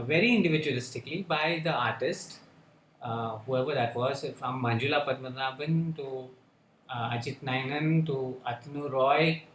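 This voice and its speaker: A man speaking on a panel discussion, halting and full of fillers and restarts. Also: mid-range voice, a bit bright, slight background noise. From India. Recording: echoey room with faint ambience.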